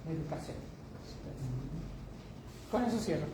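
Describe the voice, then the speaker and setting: A woman's voice: deep voice, expressive, unhurried. An older woman giving an academic lecture, emphatic, asking rhetorical questions and repeating phrases for effect. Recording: noisy echoey room.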